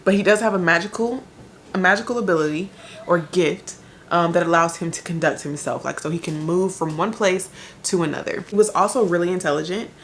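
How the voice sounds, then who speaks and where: A woman's voice: fairly low pitch, a little fast, slight background noise. A young adult woman reviewing books in a chatty vlog, rambling and correcting herself as she thinks aloud. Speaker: book vlogger.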